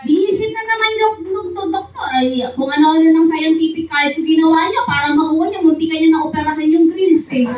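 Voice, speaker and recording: A woman gives an animated motivational business seminar talk in a hall, often firing call-and-response questions at the crowd. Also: extremely high pitch, brisk, few pauses. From Philippines. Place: event hall before an audience. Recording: echoey hall, distant mic, loud noise.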